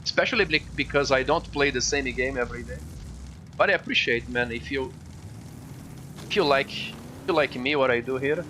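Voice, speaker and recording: A man live streaming a racing game, chatting casually with his viewers in halting, non-native English. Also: mid-range voice, bright, forceful tone, a little hiss or hum. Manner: chatty, addresses viewers directly. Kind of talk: casual chat while gaming.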